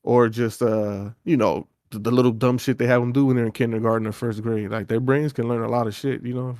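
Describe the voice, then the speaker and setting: Brief: male co-host, mid pitch, dry sound, loose and hesitant delivery. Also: steady tone, a little fast, a little mellow, no room sound. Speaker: podcast co-host. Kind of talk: casual profane chat.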